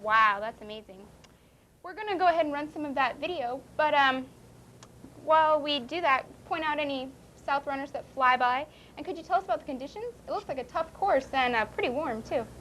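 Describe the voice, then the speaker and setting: A young woman anchoring a school news show, reading briskly and interviewing a guest. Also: high voice, a bit bright, a little hiss or hum, poor audio. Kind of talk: studio interview.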